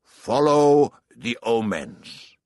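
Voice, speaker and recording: A man voicing a slow, solemn old king. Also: mid-range voice, sing-song, a little mellow, no room sound, clean studio sound, voice pushed up, heavily acted. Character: wise old king, male, calm and mysterious.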